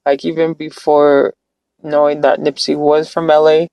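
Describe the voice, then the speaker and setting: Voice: medium pitch, little pitch movement, moderate pace, mellow, clean tone, dry recording, rough recording. A live-streamer from California talking in a casual, earnest, reflective way, rambling with frequent restarts. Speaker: livestreamer.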